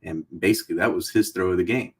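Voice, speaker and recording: Deep-voiced man venting about his team. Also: quick pace, breathy edge. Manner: frustrated, plain-spoken, says "man" often. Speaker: sports podcast co-host. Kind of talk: casual postgame football chat.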